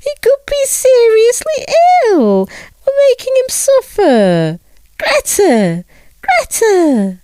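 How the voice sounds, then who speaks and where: A woman's voice: very high voice, very animated, measured pace, dark tone, no room sound, pitched above the performer's own voice, full character voice. A woman voicing a frantic, tearful middle-aged mother in a storybook reading, crying out in panic. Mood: panicked, tearful. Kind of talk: storybook read-aloud.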